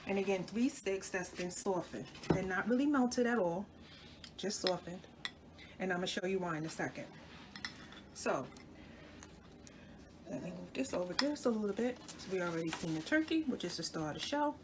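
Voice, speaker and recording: Cooking in her home kitchen for her channel, this woman talks to viewers as she works through a recipe, often correcting herself and sounding a bit stuffy with a cold. Her mid-range voice moves at a moderate pace with frequent pauses, against a noisy background.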